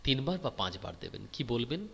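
Man, devotional teacher, slow chanting delivery, bright voice, long hall reverb. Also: mid-range voice, sing-song, gravelly, breathy edge. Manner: slow, earnest, chants mantras in drawn-out rising tones. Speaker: religious teacher. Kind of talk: devotional instruction with chanted mantras.

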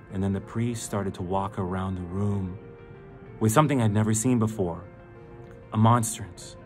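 Fervent middle-aged man giving testimony. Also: on the high side. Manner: fervent, emphatic, pleading. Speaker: speaker giving a faith testimony. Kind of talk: personal testimony and exhortation.

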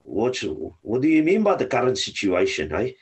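A man's voice: mid-range voice, huge pitch swings, normal speed, a little mellow, slightly rough, voice pushed up, full character voice. A man putting on a blunt South African hunting guide. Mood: puzzled. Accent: put-on South African.

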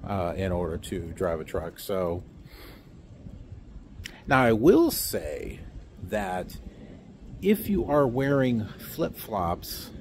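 A middle-aged trucking vlogger stands outdoors by a block wall, phone at arm's length, ranting casually and sarcastically with many fillers. His voice is fairly low and sing-song, slow with long pauses, over a little hiss or hum.

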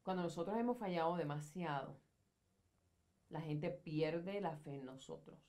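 A woman's voice: deep voice, unhurried, darkish tone. A middle-aged woman speaking earnestly as a guest on a studio advice talk show, counseling and explaining in a conversational way. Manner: earnest, counseling, gestures widely while explaining. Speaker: social communicator guest. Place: studio set in armchair.

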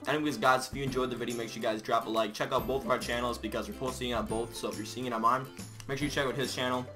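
A man's voice: medium pitch, steady tone, rapid-fire, music in the background. A young man hosting a video in a casual, chatty vlog style. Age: teens or young adult. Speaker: video host. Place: small bedroom indoors.

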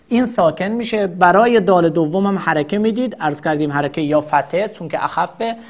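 A woman gives a methodical grammar lesson in a fairly low voice. She repeats every example slowly and patiently. The recording sounds dull and lo-fi. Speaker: teacher.

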